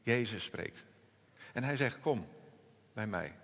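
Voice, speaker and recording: Soft-spoken pastor in a reverberant hall. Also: male voice, on the low side, expressive, vocal fry. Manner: gentle, reflective, slows and softens on quoted words. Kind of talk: sermon.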